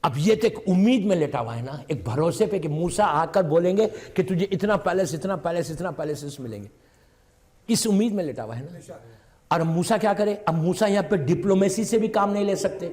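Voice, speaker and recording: A man's voice: high voice, lively intonation. A man preaching at a religious gathering, telling a story dramatically and acting out its dialogue, with English words mixed in. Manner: acts out dialogue in a rising, impassioned voice and sometimes shouts; mixes English words into his speech. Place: religious gathering hall with a live audience. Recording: long reverb of a large hall.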